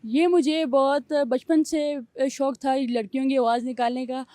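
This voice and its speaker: An eighteen-year-old man talks casually as an interview guest, rambling a little with fillers. His voice is high and soft with a mellow tone, and the room sounds dry. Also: no room sound. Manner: relaxed, chatty, repeats fillers. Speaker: guest voice imitator.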